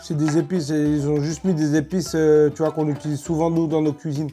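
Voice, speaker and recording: A woman with a slightly low voice hosts a casual tasting. She talks in a chatty, colloquial way and leans on her words for emphasis. Soft music plays behind her. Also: little pitch movement, brisk. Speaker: host of food tasting video.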